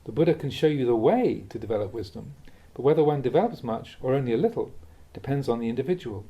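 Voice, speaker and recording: On a muffled recording, a monk reads a Buddhist dharma talk in his mid-range voice, expressive but measured and thoughtful, with an occasional gentle laugh.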